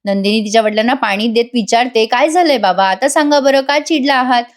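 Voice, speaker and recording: Brief: woman, Marathi accent, slightly high voice, chatty serial-recap voice-over that acts out each character's lines. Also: a little fast. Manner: retells scenes, voicing each character's lines; chatty asides to the audience. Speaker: TV serial reviewer.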